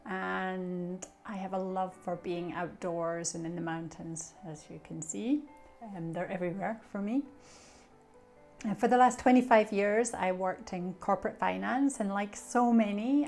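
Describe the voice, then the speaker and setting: Over soft background music, a middle-aged woman from Scotland introduces herself and gives coaching tips at normal speed. Her mid-range voice is steady and a little mellow. She coaches, is an association treasurer, and pauses with fillers as she reflects.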